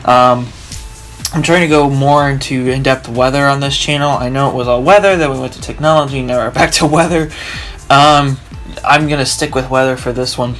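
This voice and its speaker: A man's voice: mid-range voice, fairly even intonation, normal speed, a bit bright, soft background music. A young man with a groggy allergy-worn voice, explaining weather casually in a rambling way with many restarts. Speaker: weather video host.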